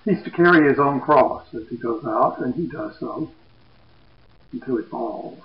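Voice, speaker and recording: A man preaching, retelling a scripture story slowly and dramatically. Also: medium pitch. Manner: slow, dramatic retelling, lively quoted voices. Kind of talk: sermon narration of scripture. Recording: echoey, dull sound.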